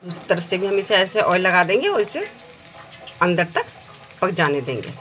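A woman's voice: on the low side, sing-song, moderate pace, fairly bright tone. A woman hosting a cooking channel, giving friendly step-by-step recipe instructions as a voice-over. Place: home kitchen.

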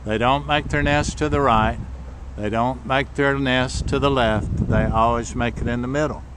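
A man's voice: medium pitch, steady tone, moderate pace. A folksy man with a mid-range voice gives a loose, rambling walking tour of a riverbank fishing spot, stumbling over fillers and repeating himself. He speaks outdoors into a handheld camera mic, with faint traffic and outdoor noise behind him. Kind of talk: casual narrated walking tour.

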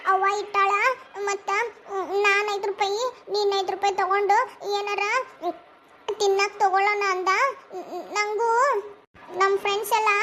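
A woman voicing a sheepish, tearful young schoolgirl in a cartoon, speaking softly and haltingly with a North Karnataka Kannada accent. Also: very high-pitched. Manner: soft, hesitant and halting. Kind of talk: cartoon voice acting.

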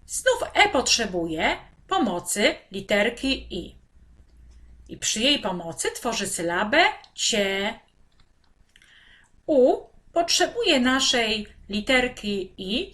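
A woman teacher giving a reading lesson to young children, articulating syllables slowly and clearly. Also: a little high, very animated, a bit bright. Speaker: primary school teacher.

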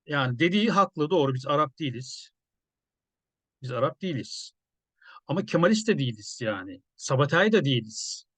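A journalist commenting in a casual, conversational way, musing with many hesitations. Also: male voice, fairly high pitch, sing-song, brisk, fairly bright tone, no room sound.

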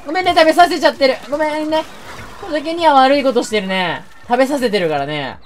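A woman gaming YouTuber giving excitable game commentary, shouting reactions and talking to viewers. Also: high voice, fast, a little hiss or hum.

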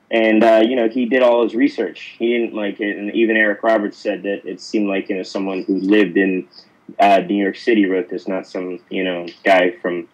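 A man's voice: fairly low pitch, dull audio. A man from Pittsburgh, an actor, telling stories in a casual interview, rambling with lots of fillers and restarts. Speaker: actor guest.

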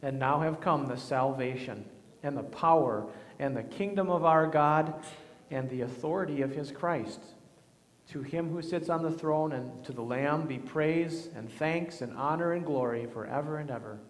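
A man leading worship as pastor, praying and speaking in a measured, solemn way, his voice ringing with a cathedral echo. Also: a little high. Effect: cathedral echo, long church reverb. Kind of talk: liturgical prayer and communion address. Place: large church sanctuary. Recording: long reverb of a large church hall.

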